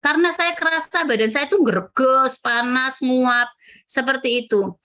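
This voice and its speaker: Bright-voiced woman in her forties. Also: high voice, unhurried. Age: 40s. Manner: chatty storytelling with fillers and acted self-quotes. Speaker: testimony speaker at prayer fellowship. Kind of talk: personal church testimony.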